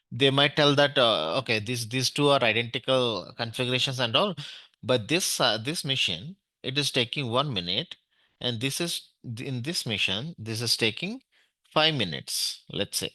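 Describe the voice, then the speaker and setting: An Indian English-accented man leads an online technical class, walking through each step and often pausing on "right?". His voice is bright and fairly forceful. The sound is dry and close, with no room around it. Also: mid-range voice, no room sound. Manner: explains step by step, checks in with "right?", many fillers. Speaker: database administration trainer.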